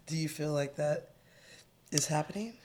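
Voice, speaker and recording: A woman's voice: deep voice, normal speed, darkish tone, slight background noise. A woman co-hosting a loose movie conversation. Her talk is playful and giggly, with plenty of casual swearing. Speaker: podcast co-host.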